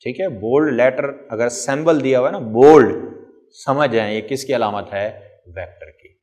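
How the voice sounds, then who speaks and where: A man's voice: mid-range voice, normal speed, darkish tone. A middle-aged man teaching a physics class. He asks the class questions, answers them himself, and stretches out key terms. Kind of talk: classroom lecture.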